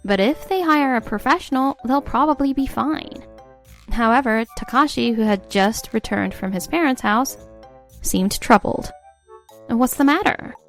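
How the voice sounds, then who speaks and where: Faint music accompanies an actress speaking in an unhurried, fairly high voice as a fed-up young wife. It's scripted narration of her own story, exasperated and sarcastic throughout.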